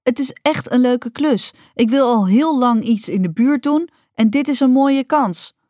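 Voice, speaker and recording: A woman voicing a stern mother in a storybook reading, speaking firmly and with a sharp tone. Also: high voice, measured pace, no room sound, clean studio sound, voice pushed up. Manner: firm, sharp-toned.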